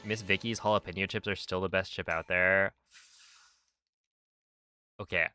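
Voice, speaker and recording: A man's voice: low voice, fairly even intonation, moderate pace, bright, forceful tone, clean tone, soft background music. A man streaming a speedrun, chatting casually and easygoingly while reacting to his viewers' messages. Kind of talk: casual live-stream chat.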